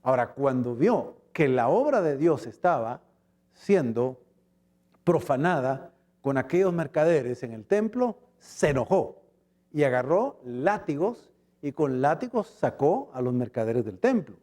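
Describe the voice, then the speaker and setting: Guatemalan pastor guy preaching, voice jumps all over, warm mellow tone, acts out little scenes. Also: medium pitch, sing-song, unhurried. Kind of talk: sermon.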